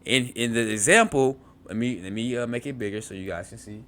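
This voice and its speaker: A man with a brisk, fairly bright mid-range voice teaches a beginners' Hebrew class. He reads from a textbook, breaks off to explain, makes frequent restarts and asides, and repeats words aloud to model how they sound.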